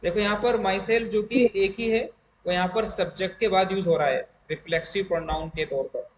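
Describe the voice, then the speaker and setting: A male English teacher, running an online class and slowly explaining grammar with examples. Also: high-pitched. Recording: echoey room with faint noise.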